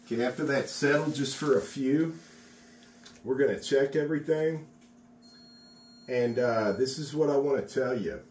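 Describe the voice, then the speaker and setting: Here a middle-aged contractor teaches epoxy work, chatting encouragingly as he works in an unfinished garage workshop, caught on a phone camera. He speaks at a moderate pace with frequent pauses, his medium-pitched voice darkish in tone. The audio is reverberant, with slight background noise.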